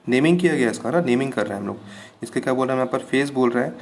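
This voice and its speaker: A male engineering lecturer speaks a gravelly, creaky voice at an ordinary pitch. He teaches patiently, repeating each term and stopping to ask if everything is clear. A faint background hiss sits under the recording. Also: animated, racing. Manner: patient, repeats terms with "ठीक है, clear है" checks. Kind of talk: classroom lecture.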